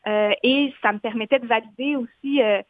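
Une femme avec un accent de la Haute-Côte-Nord, autrice invitée en entrevue radio, qui parle de façon réfléchie avec beaucoup d'hésitations. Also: female voice, on the high side, fairly even intonation, moderate pace, no room sound. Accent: Haute-Côte-Nord Quebec French. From Côte-Nord, Quebec. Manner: thoughtful, many fillers. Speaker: author guest. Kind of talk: radio interview. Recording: tinny phone-like line, dry.

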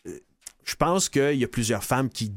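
A man's voice: medium pitch, lively intonation, moderate pace, no room sound. A man, a radio columnist chatting casually and teasing his co-host, with many fillers.

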